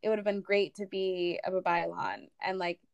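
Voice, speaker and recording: A woman's voice: lowish voice, level tone, normal speed, vocal fry, smooth, no room sound, dull audio. A woman co-hosting a casual history podcast, talking in a chatty way with many fillers. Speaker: podcast co-host.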